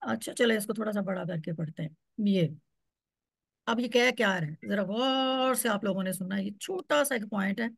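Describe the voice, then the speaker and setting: A woman's voice: medium pitch, moderate pace, creaky, dry recording, studio quality. A woman teaching a class, explaining step by step and repeating words so students can follow. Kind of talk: online Quran Arabic class.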